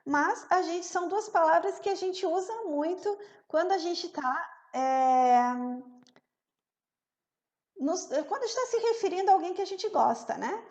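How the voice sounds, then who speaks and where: High, unhurried Brazilian woman teaching English. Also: expressive, darkish tone. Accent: Brazilian Portuguese. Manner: chatty, often asks "né?", slows down to model English pronunciation. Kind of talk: casual explanatory lesson.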